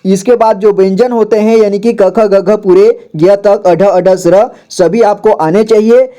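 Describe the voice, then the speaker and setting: A man teaching reading, slowly reading out syllables one by one, often repeating each twice and adding short explanations. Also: sits high, fairly even intonation, warm tone. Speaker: Hindi teacher. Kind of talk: slow syllable-by-syllable drill.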